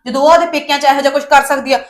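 Young woman doing a sharp-tongued daughter, high voice, talks fast, keeps arguing back. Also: steady tone, lightly acted. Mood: defiant. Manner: defiant, quick arguing. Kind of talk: Punjabi family drama acting.

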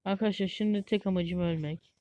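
Excitable woman commenting on gameplay. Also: medium pitch, fairly quick. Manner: excitable, easily frustrated, talks to viewers as friends. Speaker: gaming YouTuber.

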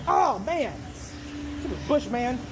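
A man in his thirties reacting aloud and joking casually, jumpy and excitable, as he walks through a haunted house. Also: very high-pitched, very slow, very noisy. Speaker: vlogger touring a haunted attraction. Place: dark indoor haunted house walkthrough.

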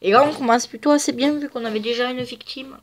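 This gaming video creator speaks fast and high in a steady tone, her voice stuffy and nasal from a cold. She chats casually through gameplay commentary, rambling and filling gaps with plenty of fillers.

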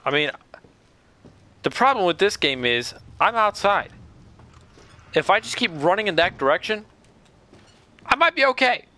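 A man talks his way through a horror game for his viewers, chatting easily and yelping when something startles him. His voice sits a little high and bright, and its pitch swings widely. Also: sing-song, measured pace, long pauses. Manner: jumpy, exclaims loudly when startled. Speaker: game streamer. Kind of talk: live horror gameplay commentary.

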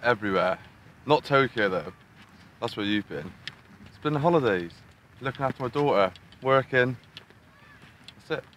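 A man chatting with a friend on a beach, giving short, quiet answers. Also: mid-range voice, animated, moderate pace, pauses often, lo-fi sound, a little hiss or hum. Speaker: friend along on the shoot. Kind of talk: casual chat. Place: beach outdoors. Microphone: camera mic a few steps away.

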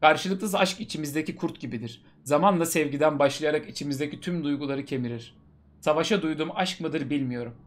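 Man, host, comedic dramatic reading, mocking asides, slightly high voice. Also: a little fast. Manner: mocking asides between read passages. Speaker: host reading stories aloud.

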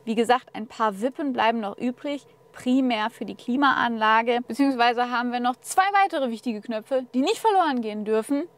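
A woman with a slightly high voice walks viewers through a car interior. Her delivery is chatty and upbeat, and she speaks straight to the audience from the driver's seat. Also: normal speed, hardly any pauses. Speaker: car reviewer. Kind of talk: casual car walkthrough. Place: inside a car.

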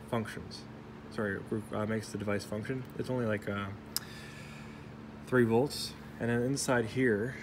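Holding a phone camera inside his workshop, a man delivers an improvised review of his welding helmet. He speaks in a lowish voice, rambling and stopping to correct himself while slipping in little jokes, and background noise can be heard.

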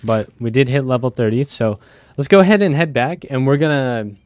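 Male gaming host, mid-range voice, hoarse and fading; casual play-by-play, dry recording. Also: medium pitch, brisk, a little mellow, dry recording. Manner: chatty, easily surprised exclamations. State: raspy, voice giving out. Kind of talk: casual Let's Play commentary.

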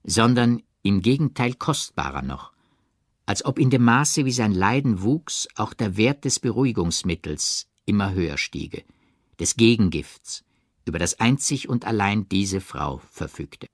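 A man narrating a classic audiobook in a low, lively voice with measured, expressive phrasing. The studio sound is dry and close. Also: no room sound. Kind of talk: scripted literary narration.

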